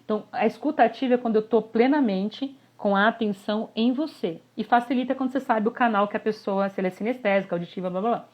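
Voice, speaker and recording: A woman, a communication coach giving a live online workshop, animated and constantly checking in with her listeners. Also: fairly high pitch, fast talker, hardly any pauses. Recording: slightly dull lo-fi audio.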